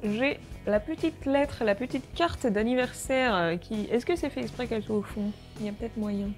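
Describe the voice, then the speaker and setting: A woman's voice: on the high side, moderate pace, darkish tone, faint music behind. A woman vlogger unboxing birthday gifts in a casual, jokey, exclamatory way, cursing now and then. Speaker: beauty vlogger.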